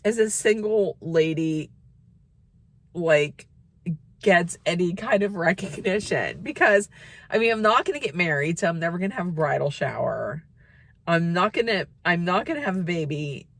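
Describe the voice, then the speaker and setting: A woman in her fifties chatting excitedly to camera in a casual vlog, with squeals and laughs. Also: fairly low pitch, moderate pace, dry recording. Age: 50s. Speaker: vlogger.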